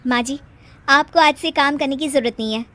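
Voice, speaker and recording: A woman's voice: high-pitched, fairly quick, pushed and bright. A woman voicing an overworked, touchy young working mother and daughter-in-law in a moral story. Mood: polite. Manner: complaining, defensive.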